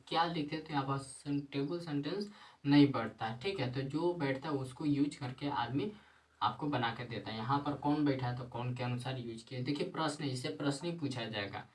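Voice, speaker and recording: A man's voice: mid-range voice, distant mic, rough recording. A man teaching Sanskrit grammar, drilling word forms with repeated rhetorical questions. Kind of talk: classroom-style video lesson, reciting word forms.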